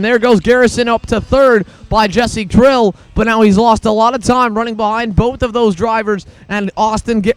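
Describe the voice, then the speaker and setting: A man commentating live on a kart race, calling the action play-by-play in an excitable, urgent manner. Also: high-pitched. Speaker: motorsport commentator.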